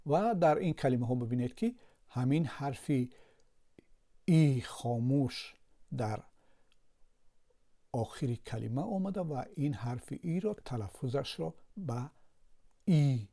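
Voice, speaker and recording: Patient man teaching, mellow voice. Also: mid-range voice. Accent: Tajik Persian. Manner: slow, patient explaining with examples. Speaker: language teacher. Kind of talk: explaining an English lesson.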